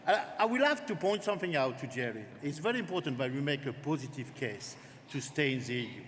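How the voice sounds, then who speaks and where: A man from France, a native French speaker, with a French accent, giving a lively, jokey political speech at a party conference. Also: medium pitch, fast talker. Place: large conference hall. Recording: reverberant hall, faint noise.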